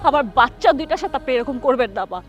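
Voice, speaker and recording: A woman's voice: high voice, animated, fast talker, faint music behind. An actress playing a wronged young mother who pleads with her mother-in-law. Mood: pleading. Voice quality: pleading, tearful. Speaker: daughter-in-law.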